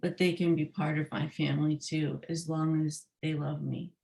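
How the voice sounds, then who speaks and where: A woman reading the letter of a young girl to her parents from a children's book, gently. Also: sits low, level tone, normal speed, gravelly. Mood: soft. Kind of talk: read-aloud children's book.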